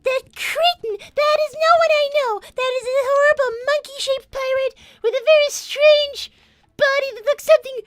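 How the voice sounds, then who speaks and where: A woman's voice: very high voice, moderate pace, no room sound. A woman voicing a polite, easily flustered young girl rabbit in an improvised cartoon livestream, protesting in wordy, prim sentences. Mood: outraged. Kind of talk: improvised cartoon character livestream, reading viewer messages.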